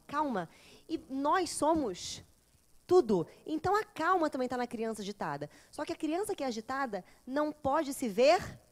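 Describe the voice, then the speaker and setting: High-voiced woman teaching a class. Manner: lively, acts out children and mothers. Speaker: teacher of a psychology course. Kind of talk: lecture to a class.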